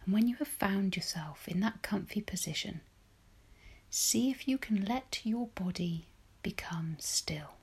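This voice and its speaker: Female meditation guide: hushed, airy spa whisper, leisurely and soothing, leaving long pauses between gentle instructions. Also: medium pitch, expressive. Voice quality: breathy, whispery.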